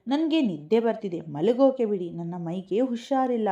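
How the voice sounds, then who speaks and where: A woman's voice: on the high side, expressive, normal speed, warm tone, natural voice. A woman reading a feverish, sulky young wife. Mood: hurt. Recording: dull lo-fi recording.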